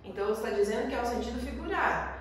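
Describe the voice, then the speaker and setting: A woman's voice: a little high, animated, rapid-fire. A Brazilian woman teaching a school lesson, explaining patiently and often checking in with her class. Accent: Brazilian Portuguese. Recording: echoey room, voice from far off.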